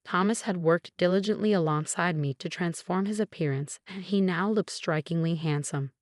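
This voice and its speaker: A woman narrating a first-person drama story in a steady, measured reading voice. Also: on the low side, no echo, studio quality. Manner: even, measured reading of all characters in one voice.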